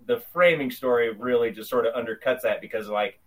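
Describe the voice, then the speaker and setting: A man's voice: mid-range voice, a little fast, distant mic, poor audio. Man talking slightly off-mic. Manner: rambling, many restarts, laughs while talking. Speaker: podcast co-host. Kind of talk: casual film discussion.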